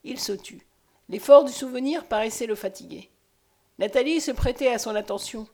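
A woman narrating a novel aloud. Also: on the high side. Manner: measured, expressive reading. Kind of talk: audiobook narration.

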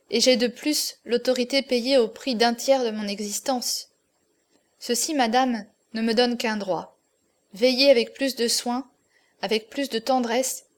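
A woman's voice: a little high, lightly acted. A woman reading an audiobook, voicing a proud adult male swordsman who speaks firmly and solemnly. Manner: firm, solemn, cold.

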